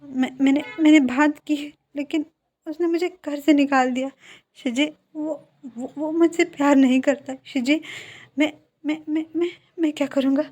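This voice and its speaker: A woman's voice: a little high, fairly even intonation, normal speed, mellow, close to an everyday voice. A woman voicing a heartbroken young man who stammers and repeats words in a fan story reading. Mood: sobbing.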